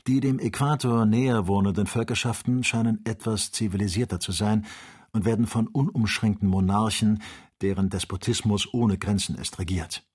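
A man narrating a classic adventure novel as an audiobook, reading in an even, measured way. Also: lowish voice, husky. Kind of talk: scripted narration.

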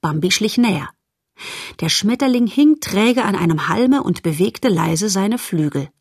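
A woman narrating a storybook in a calm, measured way. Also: medium pitch, slightly rough, no echo, clean studio sound. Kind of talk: storybook reading.

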